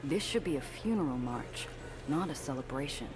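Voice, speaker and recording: An actor playing a cynical, world-weary noir detective who narrates his own case in a brooding, measured way for a video game. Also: fairly high pitch, lightly acted, low-quality recording. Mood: wry, weary. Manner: hard-boiled, brooding, flatly measured.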